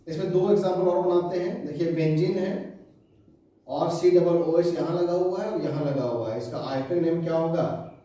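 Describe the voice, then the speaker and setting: A man teaching chemistry, who repeats key terms slowly and asks his students questions. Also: a little high, warm tone. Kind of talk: classroom lecture. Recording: echoey room, voice from a distance.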